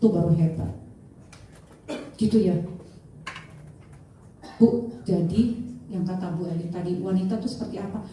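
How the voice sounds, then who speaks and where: A middle-aged woman, giving an animated sales training talk and acting out the people she quotes. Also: on the low side, moderate pace, pauses often, a little hiss or hum. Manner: animated, switches voices to act out quoted people. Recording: very echoey room, voice from far off the mic.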